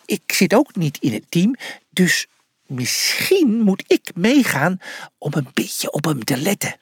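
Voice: medium pitch, very animated, slow pace, slightly rough, no room sound, clean studio sound, pitched above the performer's own voice, heavily acted. A narrator voicing a cautious, clever male animal in a children's storybook, speaking hesitantly. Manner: hesitant, careful.

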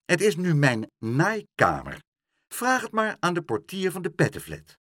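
A man's voice: on the high side, wildly swooping pitch, measured pace, a bit bright, no room sound, studio quality, pitched above the performer's own voice, exaggerated voice. A man reading a storybook aloud, voicing a smug, bossy middle-aged woman who gloats over her neighbour. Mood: smug, haughty. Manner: haughty and gloating.

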